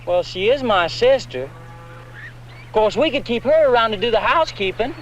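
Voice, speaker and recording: A man's voice: high voice, lively intonation, normal speed, slight background noise. An actor playing a lovesick, naive American man in an old comedy film, with an American accent. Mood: dreamy. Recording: dull old film soundtrack, music behind.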